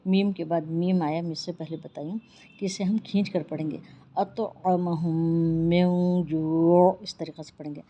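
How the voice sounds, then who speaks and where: A woman teaching Quran recitation rules, explaining patiently and then reciting each verse slowly and drawn out. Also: low-pitched, steady tone, husky, highs cut off.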